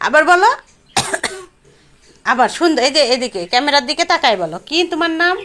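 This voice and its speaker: A woman, gently asking a toddler questions in a coaxing, sing-song home-video chat on a phone camera. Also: sits high, lively intonation, brisk. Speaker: parent filming a toddler.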